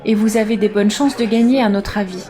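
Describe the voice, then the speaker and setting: A woman's voice: medium pitch, a little fast, warm tone, close to an everyday voice. A woman dubbing a candid, matter-of-fact intelligence contractor in a conversational voice-over. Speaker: voice-over dub of an interviewee.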